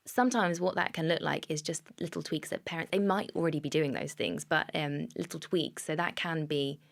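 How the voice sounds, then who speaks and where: A woman with a fairly low, noticeably creaky voice speaks as a speech therapist advising parents. She explains in a conversational way and illustrates her points with simple example phrases. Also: brisk. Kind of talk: conversational expert advice for parents.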